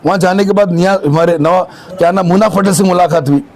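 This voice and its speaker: A man, speaking up for market vendors in a street interview. His voice sits high, and he talks with heated, emphatic insistence. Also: quick pace. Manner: agitated, emphatic complaint.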